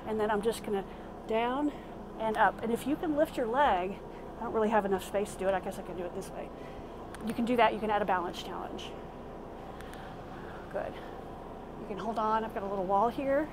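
This middle-aged fitness instructor speaks briskly at medium pitch, leaving long pauses, as she exercises through a casual, informal workout demo. She's recorded inside a small RV by a camera a few steps away, with clearly noisy vehicle interior sound.

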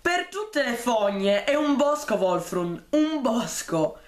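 A man's voice: very high-pitched, big pitch swings, slow pace, echoey room, voice pushed up, exaggerated voice. A man reading a jittery, blustering teenage boy who complains in exasperation. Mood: exasperated.

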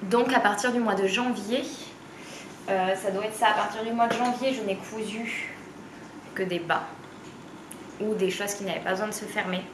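Woman, late 20s, candid sewing vlogger; halting, filler-heavy delivery, mic at a distance in a roomy space. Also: mid-range voice, background noise. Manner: hesitant, many fillers, speaks openly and gestures. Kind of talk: candid personal vlog. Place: bright room at home with a dress form. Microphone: camera a few steps away. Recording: roomy, slightly distant, faint ambience.

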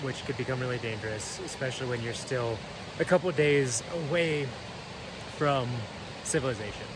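A man's voice: mid-range voice, normal speed, background noise. A man in his thirties vlogging a hike, talking into a phone held at arm's length, with many fillers and restarts. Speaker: hiking vlogger. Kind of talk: casual vlog narration. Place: outdoors on a mountain trail, later indoors in a room.

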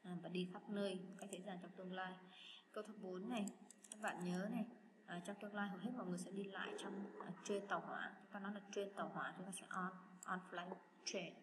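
A woman's voice: medium pitch, steady tone, fast. A woman teaching English to schoolchildren, patiently walking through exam answers and talking to students in a chatty way. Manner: patient, chatty, addresses students as "các bạn". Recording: echoey room with loud background noise.

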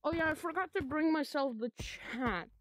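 A woman's voice: high-pitched, moderate pace, a crowd in the background. A woman livestreaming and chatting casually, bragging and swearing while teasing a friend. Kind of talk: casual gaming stream chat.

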